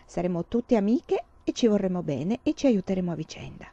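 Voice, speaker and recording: A woman's voice: mid-range voice, sing-song, fairly quick, dark tone. A woman voicing a young schoolteacher who is sweet, coaxing and talks on and on without stopping. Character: sugary, overly cheerful young schoolteacher woman. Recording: slightly dull, dry recording.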